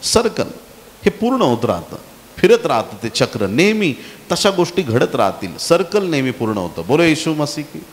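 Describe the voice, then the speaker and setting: A man's voice: on the high side, very animated, moderate pace. A man preaching a sermon as pastor, telling stories with animation and calling on the congregation for amens. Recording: echoey hall with faint hiss.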